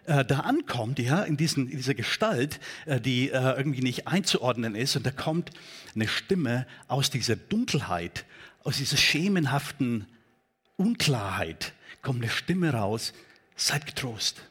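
A man preaching a sermon in a church, talking in a conversational, halting way with many fillers. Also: mid-range voice, very animated, fairly bright tone, slightly rough. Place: church hall.

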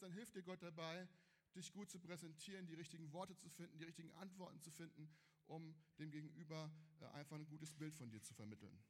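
A man with a high voice preaching a casual sermon to young people, telling a Bible story with lively, slangy enthusiasm. His voice sounds a little strained. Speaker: youth preacher.

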